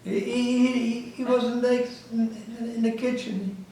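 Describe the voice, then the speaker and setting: An interviewee in his eighties, a Holocaust survivor from Ukraine, tells his life story in broken English with a Ukrainian accent, acting out the dialogue. His voice is very high with little pitch movement, a little slow, and dark in tone. He sounds far off in an echoey room.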